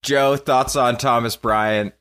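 A man's voice: mid-range voice, fairly even intonation, slow pace, fairly bright tone, clear, resonant tone. A man hosting a casual sports podcast, joking with his co-hosts and laughing often as he runs the segment. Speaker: podcast host.

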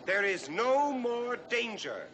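An actor playing a man in an old film who warns a cinema audience that a monster is loose, speaking with urgent theatrical shouting. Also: very high voice, very animated, takes it slowly, full character voice. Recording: old film clip with screaming crowd and noise.

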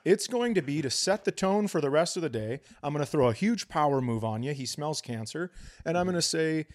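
Slightly fast and expressive, a man with a somewhat high voice tells stories on the comedy podcast he co-hosts. He swears a lot, speaks bluntly and casually, and acts out the dialogue he quotes.

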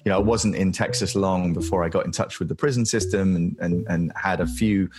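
A man's voice: sits low, steady tone, a little fast. A man being interviewed as a journalist guest, talking casually and reflectively with plenty of hesitations.

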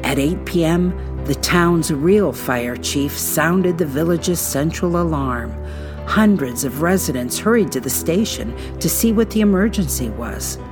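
A woman hosting a podcast, narrating a true-crime script in a suspenseful, measured storytelling manner with dramatic pauses. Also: deep voice, expressive, over music.

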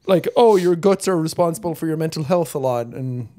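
A man's voice: on the high side, fairly quick, warm tone. A young man co-hosting a podcast, chatting casually and laughing as he rambles through a story. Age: young adult. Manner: rambling, laughs while explaining. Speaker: podcast co-host. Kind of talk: casual chat.

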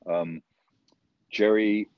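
Speaking very slowly in a steady voice on the low side, a man in his fifties from New York, a sports broadcaster, shares stories as an interview guest. He's earnest and emphatic and repeats words to drive his points home. The recording sounds dull and dry.

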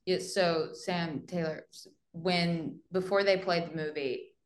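Chatty low-voiced woman co-host. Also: fairly even intonation, takes it slowly. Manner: chatty, rambling questions with many "like"s. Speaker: podcast co-host. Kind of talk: casual interview chat.

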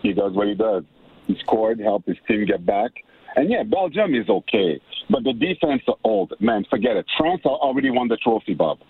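Man, excitable radio guest, phone line, husky voice, gravelly. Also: fairly low pitch, moderate pace. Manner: excitable, repeats himself, starts over a lot. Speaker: radio show guest analyst. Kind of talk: casual sports talk. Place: in Montreal.

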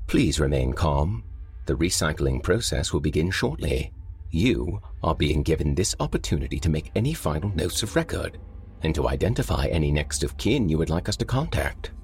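A man voicing a calm, polite artificial facility voice that soothes a prisoner in an even, machine-like manner. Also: a bass voice, moderate pace, slightly rough, full character voice. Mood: soothing. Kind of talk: storybook horror narration.

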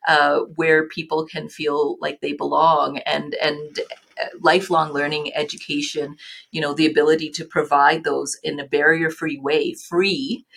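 A middle-aged woman with a notably low voice speaks as an interview guest. She talks earnestly and casually, circling back with frequent fillers and restarts. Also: a bit bright. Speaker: guest, nonprofit chief executive.

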